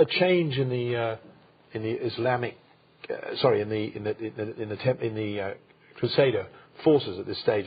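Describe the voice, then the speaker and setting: A man co-hosting a history program, talking through events without a script, with many pauses, fillers and restarts. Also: lowish voice, husky. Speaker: co-host, history presenter. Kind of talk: unscripted history talk. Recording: dull lo-fi sound.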